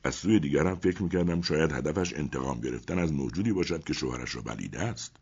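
Brief: male audiobook narrator, husky low voice, animated dramatic delivery. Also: highs cut off. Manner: expressive, rising and falling storytelling. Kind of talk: dramatic story reading.

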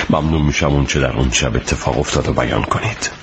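An actor playing a shrewd male detective who questions a witness in a calm, measured, courteous way, in a radio drama dub. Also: extremely low pitch, slight background noise. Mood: probing, courteous.

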